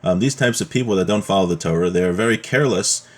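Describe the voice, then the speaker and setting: In an informal religious lesson, a man with a low voice talks fast as he reads from a text and explains it point by point. He leans on rhetorical questions, the way a religion teacher does in class.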